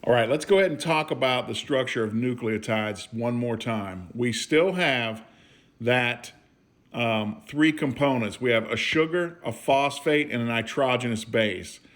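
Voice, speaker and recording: A man's voice: medium pitch, unhurried, fairly bright tone. A man with an Appalachian accent teaching in an informal recorded lesson, explaining things in a plain-spoken, folksy way. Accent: Appalachian hillbilly. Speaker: biology teacher.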